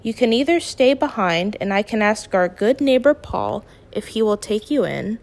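A calm, practical middle-aged father who speaks in a measured, gently firm way, read by a woman narrating a storybook. He sounds steady and reasonable. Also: medium pitch, lightly acted.

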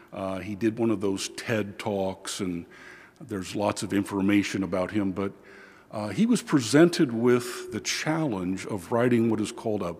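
Male priest preaching slow, kinda husky, big cathedral echo all around. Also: mid-range voice, a little mellow. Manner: slow and measured, with frequent "uh" fillers in the homily. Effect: long cathedral-like church echo. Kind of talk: gospel reading and homily. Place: large church. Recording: reverberant church hall.

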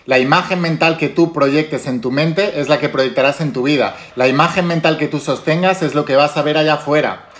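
A man's voice: fairly high pitch, a little fast, few pauses, fairly bright tone. A man with a Spain Spanish accent, a self-help teacher speaking directly to viewers in an emphatic way and repeating key phrases.

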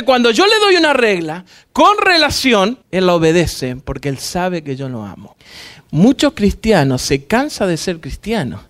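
Man, very high-pitched voice, pastor, sermon, lively and joking. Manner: lively and joking, acts out dialogues with the congregation.

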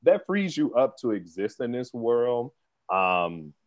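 A man speaking as a podcast guest, an animated storyteller who laughs often and talks in quick bursts. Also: medium pitch, no room sound. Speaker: guest, theater organization leader. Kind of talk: conversational podcast interview. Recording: dull lo-fi sound, dry.

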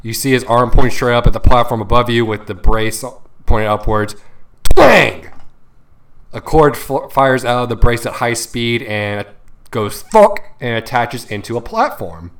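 A man's voice: mid-range voice, moderate pace. A man hosting a podcast, telling a game story in a rambling, joking way and swearing casually. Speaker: podcast host.

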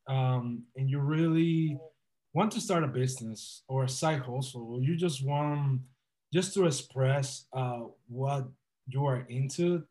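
Young man, slightly high voice, earnest, motivational, podcast guest. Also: darkish tone. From Dominican Republic. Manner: earnest, upbeat, motivational storytelling. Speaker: guest entrepreneur. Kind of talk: casual podcast interview.

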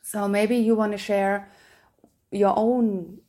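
A woman hosting her podcast, talking earnestly in a halting way with frequent fillers. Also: medium pitch, level tone, mellow. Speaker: podcast host. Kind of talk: casual conversational interview.

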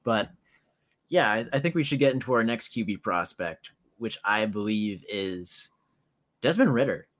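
A man's voice: fairly low pitch, expressive, unhurried. A man co-hosting a casual sports talk show, talking eagerly and conversationally. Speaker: podcast co-host.

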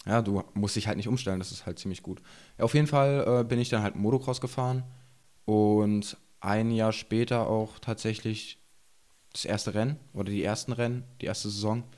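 A podcast guest in his twenties, this enduro rider from Saxony-Anhalt speaks at a normal speed in a lowish, darkish voice with a steady tone. The chat is casual: he rambles, laughs often and uses slang, marking him as someone from eastern Germany.

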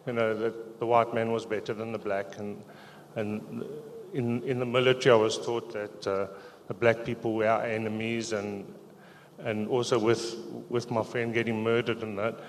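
A middle-aged man sharing his testimony in church, speaking quietly with halting pauses and restarts. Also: on the low side, level tone, a little hiss or hum. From South Africa. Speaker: church member giving testimony. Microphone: handheld microphone. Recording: echoey church hall.

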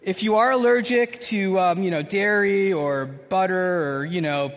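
A man preaching a sermon in a casual, conversational and animated way, recorded in an echoey church. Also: high-pitched, unhurried, lo-fi sound. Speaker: pastor.

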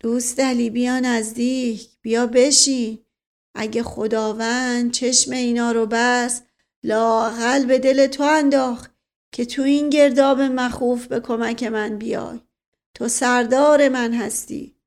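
A woman's voice: a little high, little pitch movement, close to an everyday voice. A woman voicing a pompous, paranoid older uncle who rants with indignation in a storybook reading. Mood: solemn. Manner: indignant shouting.

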